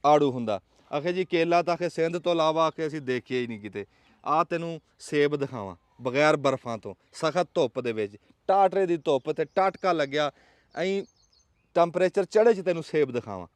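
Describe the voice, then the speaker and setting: A man's voice: a little high, lively intonation, a little fast, no echo. A man with a Pakistani Punjabi accent hosting a casual vlog in an emphatic, rhetorical, folksy storytelling way. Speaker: vlog host. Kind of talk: casual outdoor vlog talk.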